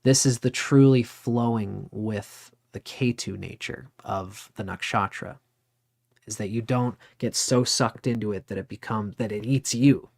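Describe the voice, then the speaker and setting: A man's voice: fairly low pitch, a little slow, vocal fry, darkish tone. A man in his forties giving a casual, rambling talk on astrology, conversational and sometimes swearing. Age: 40s. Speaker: astrology teacher. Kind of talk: casual lecture.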